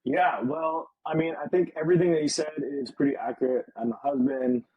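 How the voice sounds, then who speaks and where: A man's voice: a little high, a little fast, slightly rough, dry recording, narrow, tinny audio. A man in his early thirties, a podcast guest talking easily about his life and work, with frequent laughs and fillers. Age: 30s. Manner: easygoing, laughs often, many fillers. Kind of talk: casual interview chat.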